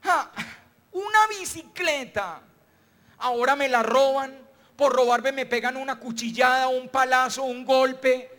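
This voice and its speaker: A man's voice: extremely high pitch, unhurried, bright, forceful tone, exaggerated voice. A man voicing a pessimistic little boy who spirals into anxious, whiny catastrophizing. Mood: anxious whining.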